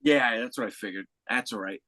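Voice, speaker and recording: A man's voice: mid-range voice, a little fast, bright, forceful tone, dry recording. A man on a video call chatting casually as a musician guest, his voice run through noise cancellation processing, laid-back and joking. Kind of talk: casual podcast chat.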